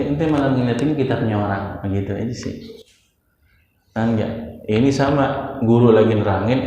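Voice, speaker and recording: Male religious teacher, mellow tone, loud reverb, lo-fi hall recording. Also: medium pitch, a little hiss or hum. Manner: reads Arabic lines then explains in casual slangy talk, often asks if students understand. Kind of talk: teaching a classical text to students. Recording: echoey dull lo-fi hall recording.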